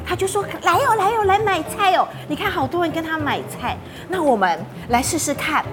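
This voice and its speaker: A woman voicing a bright little girl, chirpy and teasing. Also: very high-pitched, animated, a little fast, over music, pitched above the performer's own voice. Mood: helpful.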